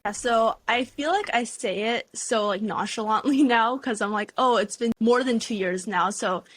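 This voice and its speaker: A woman's voice: on the high side, normal speed. A woman in her twenties, a beauty content creator, chatting casually as a podcast guest and saying "like" often. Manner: chatty, heavy use of "like". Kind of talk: casual interview chat.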